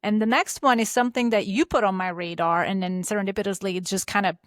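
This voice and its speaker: A woman's voice: medium pitch, fast, no echo. Woman podcast host, dry close sound. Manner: steers the talk, asks questions. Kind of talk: casual podcast interview.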